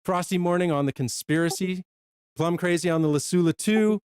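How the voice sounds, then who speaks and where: A man co-hosting a casual product live stream, chatty and quick, sometimes short of breath. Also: high-pitched, a little mellow, smooth, dry recording, studio quality. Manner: chatty, talks fast and runs out of breath.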